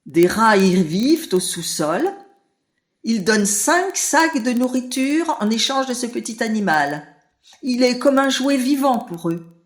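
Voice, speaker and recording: A woman narrating a children's audiobook in a clear storytelling manner. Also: a little high, animated, measured pace.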